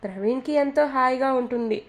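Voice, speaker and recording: A woman narrating a romance story in a steady reading voice. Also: sits high, fairly quick.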